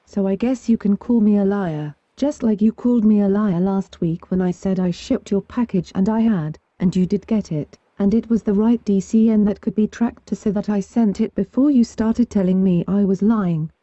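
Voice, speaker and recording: A woman reading forum posts aloud at a steady pace, spelling out abbreviations letter by letter. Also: medium pitch, moderate pace, hardly any pauses, no echo. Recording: dull, lo-fi dry recording.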